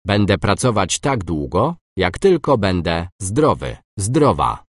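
Man, very deep voice, lively intonation, dry close studio sound, clear course phrases. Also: no room sound. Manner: slow, clear, reads masculine and feminine forms. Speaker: language course speaker. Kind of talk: scripted phrase reading.

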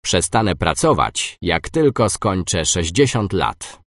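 A man reading short example phrases slowly and clearly for a language course, giving both masculine and feminine forms. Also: low-pitched, big pitch swings, a bit bright, dry recording, clean studio sound.

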